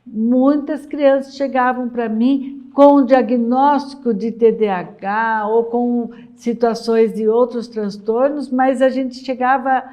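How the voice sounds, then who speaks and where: A woman's voice: a little high, steady tone, slow, hardly any pauses, mellow. A middle-aged woman with a Brazilian accent, a literacy educator giving an emphatic lesson for mothers and repeating her key points. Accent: Brazilian Portuguese. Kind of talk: talking-head lesson for mothers.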